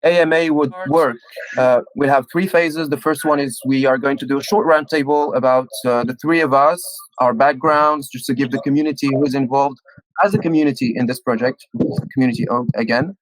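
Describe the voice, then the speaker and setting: Halting man moderating an AMA. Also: mid-range voice, steady tone, no room sound, rough recording. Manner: organized but halting, repeats words. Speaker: computer scientist, project contributor and moderator. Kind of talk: casual community AMA chat.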